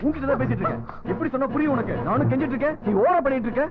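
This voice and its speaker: A man dubbing a pushy, quick-tempered rejected suitor in film dialogue, pleading and then hurling insults. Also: extremely high pitch. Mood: angry. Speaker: dubbing actor. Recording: tinny lo-fi film audio with music score.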